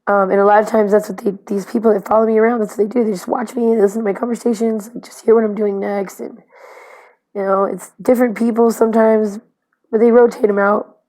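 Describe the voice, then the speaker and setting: A woman talks to her camera in a casual, confessional video diary, anxious and rambling, with lots of fillers and restarts, and she swears bluntly. Her voice is medium-pitched and warm, her delivery flat and fast.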